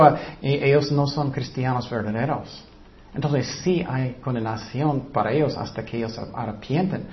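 Man preaching a lively sermon, muffled. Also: fairly high pitch. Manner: expressive, acts out voices in stories. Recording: dull lo-fi sound.

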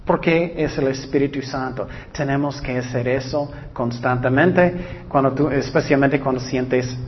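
A man preaching a sermon, repeating key words for emphasis and reading scripture slowly and deliberately. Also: mid-range voice, long reverb tail. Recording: dull lo-fi recording.

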